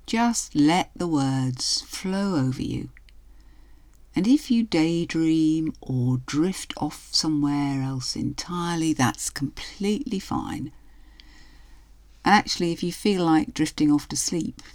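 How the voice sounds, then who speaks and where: A woman hypnotherapist narrating a guided relaxation in a soothing, hushed delivery that trails softly toward a whisper. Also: low voice. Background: music.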